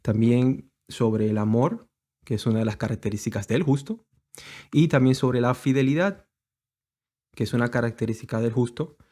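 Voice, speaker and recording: A man delivers a teaching sermon at an ordinary middle pitch. He explains patiently and halts often, restarting his phrases as he works through his slides. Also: moderate pace, darkish tone. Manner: hesitant, many fillers and restarts, explanatory. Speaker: congregation teacher.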